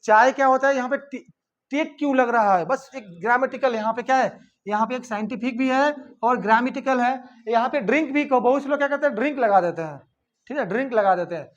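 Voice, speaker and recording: A man's voice: very high voice, quick pace, lo-fi sound. A male teacher giving a classroom grammar lesson, drilling example sentences and often checking that his students follow.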